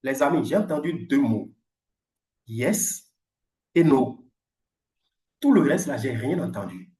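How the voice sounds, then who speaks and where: A man in his forties teaching English in French, telling a story in an animated, emphatic way. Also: medium pitch, takes it slowly, echoey room. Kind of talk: lively storytelling lesson.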